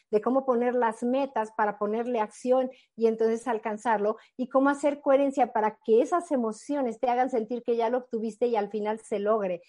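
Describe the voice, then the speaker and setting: A woman giving a motivational talk, telling a personal story in an animated, earnest and emphatic way. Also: fairly high pitch. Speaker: motivational speaker.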